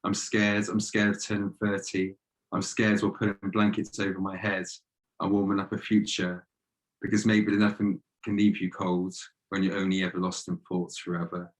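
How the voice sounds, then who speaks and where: A young man in his twenties, a guest poet reading his poems in a measured, steady way over a video call. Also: sits low, poor audio. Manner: measured, steady delivery with repeated refrains. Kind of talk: poetry reading.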